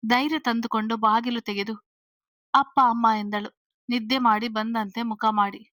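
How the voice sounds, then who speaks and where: Bright-voiced woman reading a story. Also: a little high, steady tone, normal speed, dry recording. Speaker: story narrator. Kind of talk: reading a serialized story aloud.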